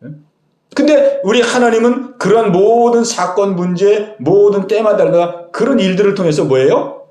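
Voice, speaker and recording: A man's voice: high voice, a little slow, darkish tone. A man preaching a sermon as pastor, speaking emphatically and putting questions to the congregation. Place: church sanctuary. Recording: echoey church hall.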